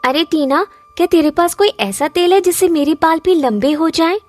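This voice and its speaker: A woman voicing a spoiled, jealous teenage girl in a cartoon, with a shrill, mocking, bossy way of talking. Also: normal speed, no room sound, faint music behind. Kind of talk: cartoon dubbing.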